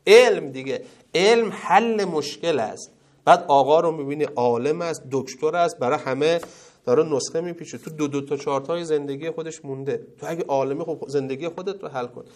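A man teaching seminary students in a religious ethics lecture, reciting Arabic sayings and explaining them, with loud stresses and quiet asides. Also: a little high.

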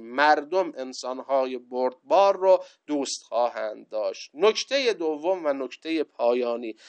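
A man giving a religious lecture, reciting Arabic sayings slowly and then explaining them point by point. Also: mid-range voice, smooth. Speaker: preacher.

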